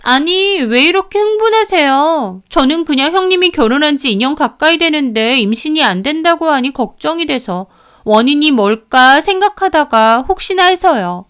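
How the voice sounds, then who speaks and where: A woman's voice: high-pitched, very animated, moderate pace, fairly bright tone, clear, resonant tone. A woman voicing a sly young pregnant sister-in-law who needles with mock innocence. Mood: smug.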